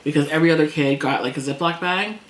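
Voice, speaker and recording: A woman chatting casually over a meal, talkative and quick to laugh, acting out things people said. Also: sits low. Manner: chatty, laughs often, acts out past quotes. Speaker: co-host. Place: indoors at a table. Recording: echoey room, faint noise.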